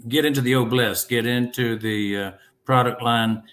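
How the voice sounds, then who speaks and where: A man hosting an interview, with a middling pitch and an even, unremarkable tone. He asks his questions in a friendly, relaxed way. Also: moderate pace.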